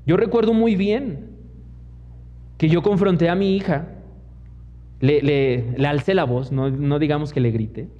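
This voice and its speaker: Man, young, Mexican accent, pastor, sermon, storytelling with acted-out quotes, mellow tone, long hall reverb. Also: fairly high pitch, a little slow, pauses often. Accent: Mexican Spanish. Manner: storytelling preacher who mimics others in quoted asides. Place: church hall. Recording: long church hall reverb, dull lo-fi sound.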